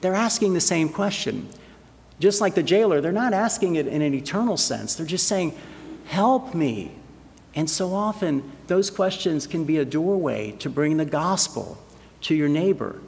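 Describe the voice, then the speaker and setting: A man's voice: fairly high pitch, expressive, normal speed, gravelly, darkish tone. A man preaching a sermon in an earnest way, asking rhetorical questions and acting out the voices in the passage. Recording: long hall reverb.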